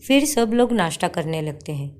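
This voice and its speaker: A woman's voice: fairly low pitch, big pitch swings, normal speed. Woman narrating a cartoon story.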